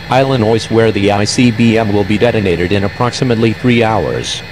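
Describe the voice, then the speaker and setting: A man reads a scripted emergency alert that interrupts regular programming. His voice sits a little low, and his delivery stays flat, measured and official. Steady background noise runs clearly under the broadcast audio. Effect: emergency alert broadcast cutting into regular programming.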